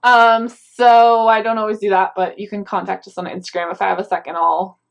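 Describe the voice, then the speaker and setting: A woman's voice: medium pitch, flat delivery, a little fast, creaky. Chatty young woman giving casual advice. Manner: chatty and explanatory, with frequent yeahs and ums. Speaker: co-host of a reselling channel. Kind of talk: casual chat answering viewer questions.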